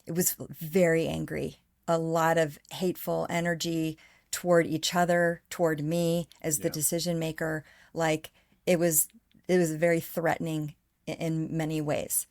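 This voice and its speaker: A woman's voice: sits low, level tone, moderate pace, darkish tone, no room sound, studio quality. A woman speaking as a podcast guest, talking earnestly at length in casual conversation. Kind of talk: casual interview chat.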